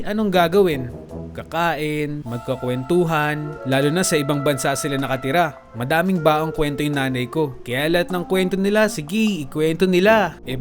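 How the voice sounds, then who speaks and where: A young man from the Philippines narrating a comedic storytime for an animated video, with playful jokey asides to viewers. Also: on the high side. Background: background music.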